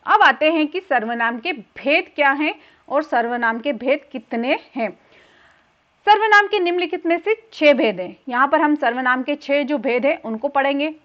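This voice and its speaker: A woman's voice: sits high, lively intonation, moderate pace, highs cut off. A woman teaching a grammar lesson for exam students, explaining each point patiently and repeating key terms, with a few filler sounds.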